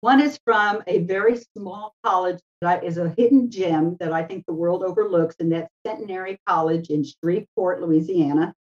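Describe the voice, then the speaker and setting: A woman's voice: on the low side, darkish tone. A woman speaking as an interview guest in a conversational, anecdotal way. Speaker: interview guest, education adviser. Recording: slightly dull, lo-fi sound.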